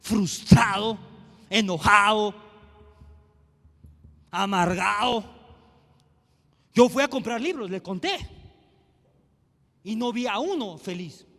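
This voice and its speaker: Pastor, male, very high bright voice, preaching in a reverberant hall with soft music under it. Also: lively intonation, slow, long pauses. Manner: swings from hushed asides to shouted preaching. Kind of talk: sermon. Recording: long hall reverb, faint music behind.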